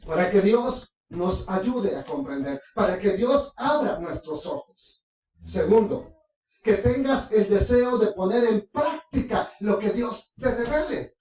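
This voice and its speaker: A preacher teaching scripture in a sermon, leading a prayer and putting questions to the listeners. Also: darkish tone. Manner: asks the congregation rhetorical questions, swinging pitch widely. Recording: very echoey room, voice far from the mic.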